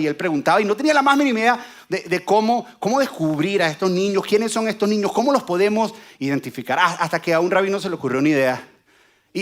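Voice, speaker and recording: A man with a high voice preaches a sermon. He is animated and draws the congregation in with jokes.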